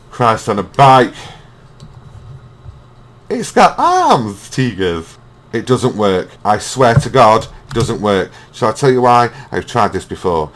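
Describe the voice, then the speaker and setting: A man's voice: lowish voice, slow. A man hosting a reaction video, mocking and swearing as he rants. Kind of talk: ranting reaction commentary.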